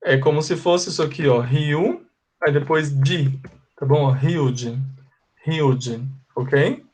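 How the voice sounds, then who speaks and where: A man's voice: fairly high pitch, unhurried, slightly rough. A Brazilian-Portuguese-speaking man teaching English in an online class, patiently explaining pronunciation step by step. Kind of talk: online class, correcting students. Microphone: video call.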